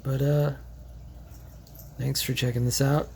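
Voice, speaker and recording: Casual male hobby vlogger, mid-pitch, unpolished and rambling, light background hum. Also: flat delivery, slow pace, creaky, warm tone. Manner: loose, rambling, thinking aloud with fillers. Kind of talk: casual tank tour vlog. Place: indoors beside a fish tank.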